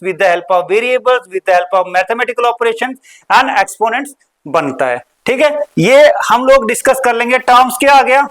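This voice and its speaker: A woman teaching a maths lesson. She asks questions, answers them herself, repeats key words and slows down on the important terms. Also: on the high side, a bit bright, rough recording. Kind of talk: recorded classroom lesson.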